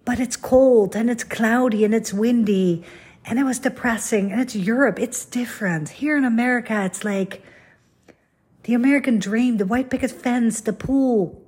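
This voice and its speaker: A woman's voice: a little high, normal speed, darkish tone, breathy edge. A middle-aged woman from the Netherlands, hosting a podcast in a candid, rambling, self-deprecating solo monologue. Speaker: podcast host.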